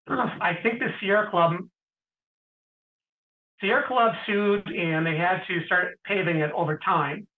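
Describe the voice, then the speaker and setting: A middle-aged man, an interview guest, tells stories in a casual way, often clearing his throat and pausing with fillers. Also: high voice. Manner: anecdotal, frequent throat clearing and hesitant fillers. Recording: tinny phone-like sound.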